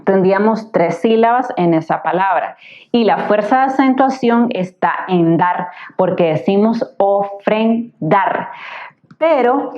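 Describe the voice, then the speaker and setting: A woman tutor giving a patient, explanatory grammar lesson, slowly sounding out words syllable by syllable. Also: medium pitch. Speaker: Spanish tutor. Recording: slightly dull lo-fi recording.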